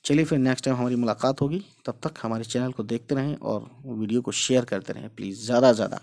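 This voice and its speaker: A man's voice: mid-range voice, fast talker, creaky, a little mellow. A man teaching an Urdu textbook lesson, patiently spelling out letters and checking in often. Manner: patient, repeats words and checks with "theek hai". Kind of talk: explaining a textbook lesson to camera.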